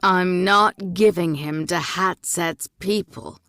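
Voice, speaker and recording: A stubborn old king with a grave, measured way of speaking, as a woman reader puts him on. The delivery is slow and unhurried, set in a low register, and the voice sits dry and close with no room sound. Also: darkish tone, clean tone, no room sound. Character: stern aging male king, grave and stubborn.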